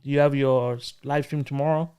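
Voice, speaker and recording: A man's voice: medium pitch, steady tone, brisk, dark tone, clean tone. A man hosting a casual livestream chat, rambling with plenty of fillers and restarts. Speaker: host.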